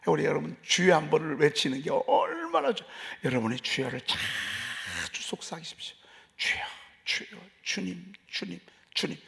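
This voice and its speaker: Gravelly folksy Korean pastor preaching. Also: male voice, on the high side, fairly bright tone. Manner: folksy, emphatic, repeats phrases and asks the congregation questions. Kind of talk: dawn service sermon. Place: church sanctuary.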